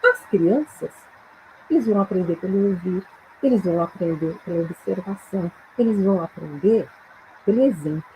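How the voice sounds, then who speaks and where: A middle-aged Brazilian woman gives a Bible-based English lesson, and her pitch rises and falls a lot. Her voice is mellow, and a faint hiss runs underneath. She reads the English verses slowly and carefully, checking in often with tag questions. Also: lively intonation, rough recording. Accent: Brazilian Portuguese. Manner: slow, careful reading aloud of English verses; frequent tag questions, gentle explaining tone. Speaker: English teacher.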